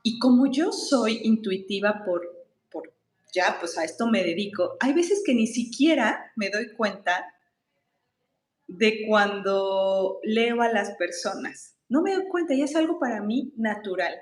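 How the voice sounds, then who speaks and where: A woman's voice: medium pitch, animated, unhurried. A woman, a spiritual coach, telling a story in a chatty way, laughing often and acting out the dialogue. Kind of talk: casual storytelling monologue. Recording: echoey room.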